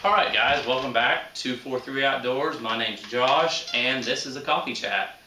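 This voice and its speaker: Slight background noise surrounds this medium-pitched, pushed and bright voice, which moves a little slowly. The speaker, a thirtysomething shooting hobby channel host, talks casually and off the cuff with a folksy, rural, colloquial style, recorded from a distance in an echoey room.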